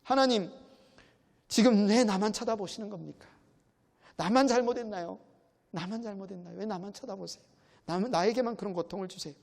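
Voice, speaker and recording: A man's voice: high voice, lively intonation, a little fast, darkish tone, big-room sound. A man voicing a suffering man crying out to God in an anguished, pleading lament.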